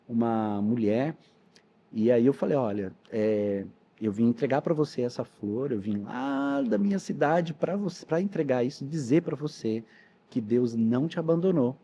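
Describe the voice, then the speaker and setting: A man's voice: mid-range voice, expressive, normal speed, warm tone. A man, a pastor and missionary telling his testimony in a podcast interview with earnest storytelling. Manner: storytelling, earnest, quotes dialogue.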